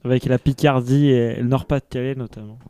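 A man's voice: mid-range voice, fairly even intonation, brisk, dark tone, clean tone, no echo, studio quality. A man co-hosting a radio quiz, matter-of-fact and blunt. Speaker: radio co-host.

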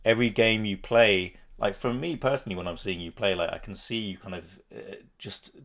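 A man's voice: on the low side, fairly quick, gravelly, fairly bright tone. A man co-hosting a sports podcast in a casual, chatty style. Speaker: podcast co-host. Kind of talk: casual chat.

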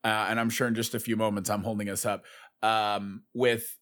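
A man's voice: fairly low pitch, little pitch movement, normal speed, a bit bright. A man co-hosting a casual podcast, clarifying points in a hesitant, circling way. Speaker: podcast co-host.

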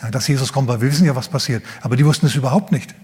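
A man's voice: mid-range voice, very fast, darkish tone, breathy edge. A man with a German accent preaching a sermon, telling the story vividly and addressing the congregation directly.

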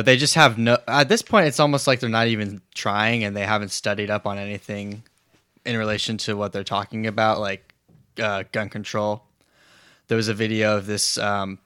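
A young adult man co-hosting a podcast in casual chat, relaxed, laughing often and trailing off mid-thought. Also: on the low side, normal speed, pauses often, smooth, no room sound, studio quality. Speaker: podcast co-host.

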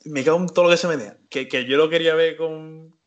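A man co-hosting a podcast in casual chat, excitable and tripping over his words. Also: a little high, fast. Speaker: podcast co-host. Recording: dull lo-fi mic.

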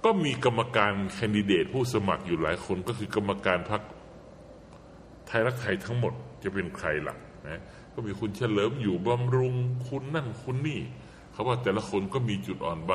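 Low-voiced man telling a story. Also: a little fast, a little hiss or hum. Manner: animated storytelling, repeats words for emphasis. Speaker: guest commentator. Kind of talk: casual political talk. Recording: reverberant room, faint background ambience.

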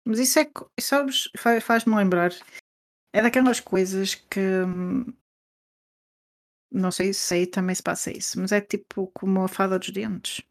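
A woman's voice: mid-range voice, steady tone, unhurried. A woman with a European Portuguese accent, co-hosting a podcast and telling stories in casual chat. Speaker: podcast co-host.

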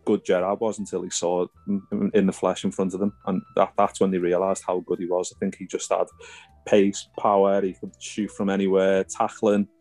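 Low-pitched Scouse man, casual football podcast chat over faint music. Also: level tone, normal speed, a little mellow. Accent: Liverpool Scouse. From Liverpool, England.

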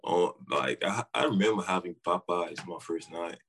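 A man's voice: low-pitched, normal speed, a bit bright, slightly rough. A young man with a Senegalese accent giving short, informal, slangy answers as a guest in a casual interview. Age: young adult. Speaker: interview guest, basketball player.

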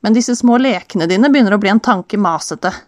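Smug local businessman, smooth and patronizing, dry close read, voiced by a woman. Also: mid-range voice, no room sound, natural voice.

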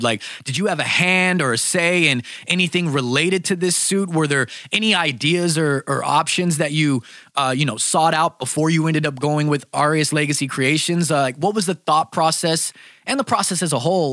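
A man's voice: fairly high pitch, sharp tone, no room sound, clean studio sound. A man hosting a podcast, chatting casually and calling his guest man and dude. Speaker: podcast host. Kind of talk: casual interview chat.

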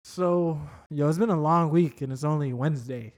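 Higher-pitched frat-bro man, slangy. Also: moderate pace. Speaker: podcast co-host. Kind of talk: casual podcast banter.

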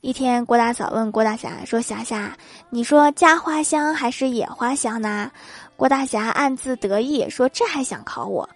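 A woman's voice: fairly high pitch, moderate pace. A woman hosting a comedy segment, reading funny everyday anecdotes and laughing at her own punchlines. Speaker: host.

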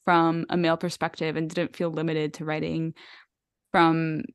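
Low-voiced woman gushing about books. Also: completely flat delivery, moderate pace, clean tone, no room sound, studio quality. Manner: enthusiastic, rambling, frequent fillers and laughs. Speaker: podcast co-host. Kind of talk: casual book chat.

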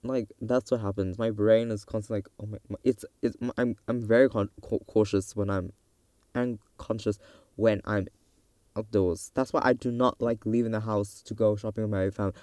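A soft-spoken young male student hosting a casual ranting podcast monologue at home, rambling and restarting his sentences. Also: lowish voice, fairly even intonation, moderate pace, no echo. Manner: rambling and self-interrupting, with frequent restarts. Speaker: podcast host. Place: closet at home.

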